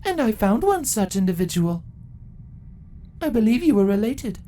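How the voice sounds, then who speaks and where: An imperious fantasy storybook empress, acted by a woman, ancient and menacing. Her high voice swoops with condescension while staying deliberate and in control. Faint ambience sits behind her. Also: very animated, mellow, a little hiss or hum, close to an everyday voice. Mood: cold, superior.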